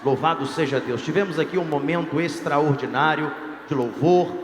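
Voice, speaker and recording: A man's voice: on the high side, normal speed, slight background noise. A male pastor preaching a sermon to a youth congress in an emphatic, rising preacher's cadence. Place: large congress hall. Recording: echoey hall, faint crowd ambience.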